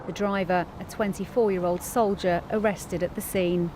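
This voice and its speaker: A woman news reporter giving an earnest, measured field report. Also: fairly low pitch, steady tone, darkish tone, a little hiss or hum.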